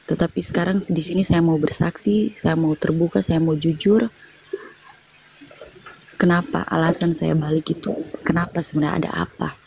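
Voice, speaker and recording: A woman's voice: low-pitched, fairly even intonation, normal speed, gravelly, a little mellow, a little hiss or hum, poor audio. A woman telling an earnest, emotional personal testimony as an interview guest.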